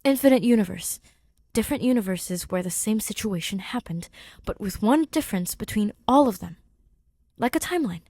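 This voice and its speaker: In an audiobook, a woman with a medium-pitched voice plays an excited male scientist, emphatically explaining a theory and thinking aloud through pauses in a moment of excited realization. The recording is dry and studio quality.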